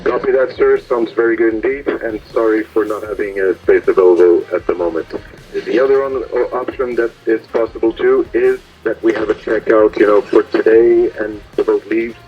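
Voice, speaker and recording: A man's voice: on the low side, normal speed. A man working as a marina radio operator, speaking courteously and procedurally over VHF marine radio. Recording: muffled marine radio transmission.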